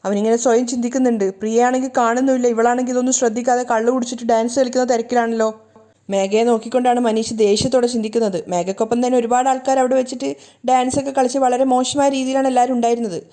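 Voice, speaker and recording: A woman's voice: fairly high pitch, level tone, dark tone. A woman narrating a casual recap of a TV serial, acting out bits of the dialogue. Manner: brisk retelling with acted-out dialogue. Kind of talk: casual spoken story recap.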